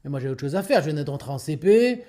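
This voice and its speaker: Fast cocky cartoon bragger, a guy voicing him, mellow tone, slangy. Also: on the high side, animated, close to an everyday voice. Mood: boastful. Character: boastful young male fake tycoon, absurd bragger.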